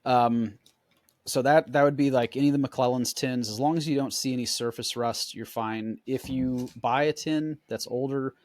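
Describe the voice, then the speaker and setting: A man co-hosting a podcast, chatting in a relaxed, explanatory way and demonstrating as he talks. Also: mid-range voice, normal speed, dry recording. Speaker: podcast co-host. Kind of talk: casual chat.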